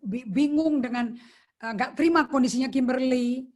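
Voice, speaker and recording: A woman's voice: sits high, moderate pace, a little mellow. A woman pastor teaching a sermon over a video call, chatting casually and slipping English phrases into her talk.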